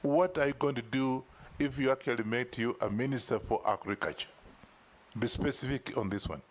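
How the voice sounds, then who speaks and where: A man's voice: mid-range voice, moderate pace. A Kenyan man questioning a nominee at a parliamentary hearing, direct and insistent on specifics. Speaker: committee member questioning a nominee.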